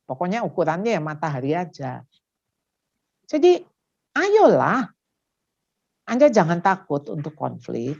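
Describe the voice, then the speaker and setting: Lively woman giving parenting advice. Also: medium pitch. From Indonesia. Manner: animated, acts out parent-child dialogues. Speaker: parenting seminar speaker. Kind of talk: seminar talk. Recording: dull lo-fi sound.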